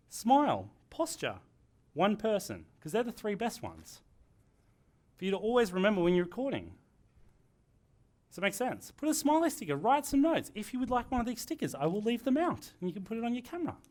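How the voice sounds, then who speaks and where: A man with a slightly high voice teaches a workshop group, his pitch swinging widely as he talks. He sounds energetic and jokes a lot, speaking live to people in the room. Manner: energetic, animated, joking. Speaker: workshop presenter.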